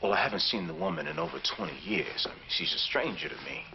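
An actor playing a bitter grown man abandoned by his mother, speaking with deep resentment. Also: sing-song, fast talker, creaky, a little hiss or hum, exaggerated voice. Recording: dull lo-fi TV audio.

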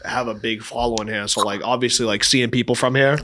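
A man's voice: mid-range voice, fairly even intonation, fairly quick, sharp tone, a little hiss or hum. A young man from the Boston area with a Boston accent, co-hosting a podcast, reading out fan questions in a laid-back way and swearing casually. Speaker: podcast co-host.

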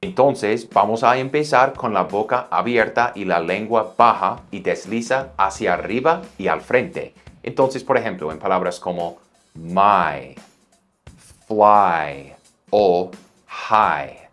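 Male pronunciation teacher, very low voice, slow and patient drills over soft background music. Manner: patient, drills words slowly for learners to repeat. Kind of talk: online language lesson.

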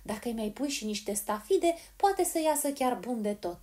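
Woman putting on a kindly old granny, hard of hearing, slow, loud, fussy, storybook voice. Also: a little high, lively intonation, voice pushed up, lightly acted. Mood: gentle.

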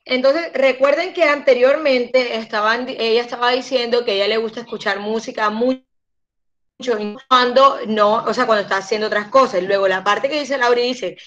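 A woman with a fairly high voice runs an English lesson over a call. She is patient and drags words out slowly when she models how they should sound. The audio comes through muffled and lo-fi. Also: fairly bright tone. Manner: patient, slows down to model pronunciation. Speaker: English teacher. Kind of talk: online class instruction.

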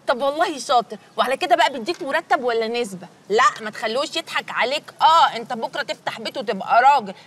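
In this TV comedy drama dialogue, an actress with an Egyptian Arabic accent plays a chatty young teacher who loves to tease. Her fairly high, fairly bright voice has lively intonation and a little hiss or hum underneath, and she keeps the quick, playful banter going.

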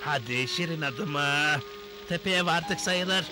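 A man's voice: fairly high pitch, slow. A man voicing a kindly old fatherly leader of little smurfs in a cartoon dub. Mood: concerned. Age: older. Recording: music under the voice.

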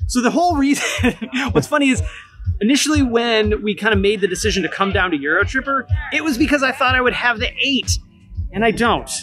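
A man's voice: very high voice, animated, a little fast, pushed and bright, faint music behind. A man vlogging casually outdoors at a gas station and a car show, upbeat and chatty with jokey asides. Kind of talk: casual vlog chat.

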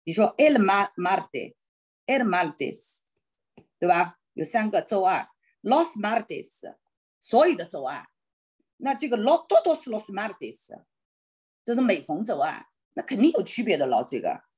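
A woman teaching an online Spanish class in Chinese on a video call, thinking aloud and hesitating, slowing down on Spanish words. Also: mid-range voice, very animated, a little mellow, breathy edge.

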